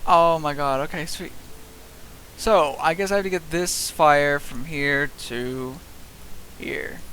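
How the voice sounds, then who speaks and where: A man's voice: a little high, takes it slowly, bright, forceful tone. A man giving casual gameplay commentary, muttering to himself and echoing the dialogue as he plays. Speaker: gamer playing and reacting. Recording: hissy background noise.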